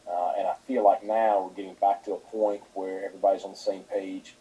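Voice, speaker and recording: A man, a football head coach, answering questions at a press conference in a halting way, with many fillers. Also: sits low, little pitch movement, mellow, a little hiss or hum, rough recording.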